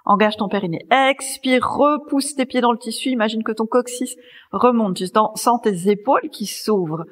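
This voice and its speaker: Calm breathy woman guiding a yoga class. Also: fairly high pitch, normal speed, long reverb tail. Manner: calm, gently guiding, cueing breath and movement. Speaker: yoga teacher. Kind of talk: guided yoga class instruction. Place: yoga studio.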